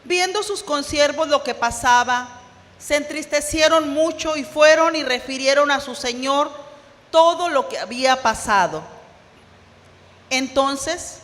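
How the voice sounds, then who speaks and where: A woman pastor with a high, somewhat bright voice preaches at a measured pace, her words ringing through a large church sanctuary. Telling a parable, she acts out its dialogue and poses rhetorical questions to the congregation.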